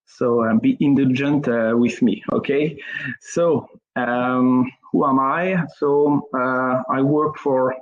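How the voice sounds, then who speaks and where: A man's voice: mid-range voice, fairly even intonation, takes it slowly. A man with a French accent giving a technical presentation as a network engineer, hesitant and full of fillers. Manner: hesitant, many fillers, apologetic. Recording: dull lo-fi sound.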